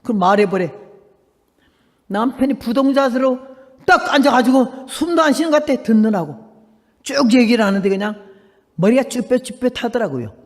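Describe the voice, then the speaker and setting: A woman's voice: fairly high pitch, lively intonation, moderate pace, long pauses, darkish tone. A woman in her eighties, a missionary preacher, telling a story in a sermon and acting out the people in it. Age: 80s. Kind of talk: sermon with dramatic personal storytelling. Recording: long reverb of a church hall.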